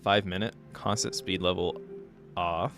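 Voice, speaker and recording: A man's voice: low voice, fairly even intonation, a little slow, vocal fry, over music. A man hosting a live stream, casually commentating game matches and chatting with players, thinking aloud with fillers. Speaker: stream host and match caster.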